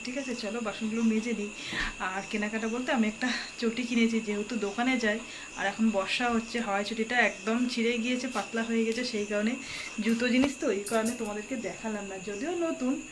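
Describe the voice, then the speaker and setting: A woman in her thirties vlogging from her home kitchen, keeping her voice low as she chats to viewers. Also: noisy background. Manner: hushed, keeps her voice low. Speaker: family vlogger. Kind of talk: casual home vlog chat. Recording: crickets chirping behind.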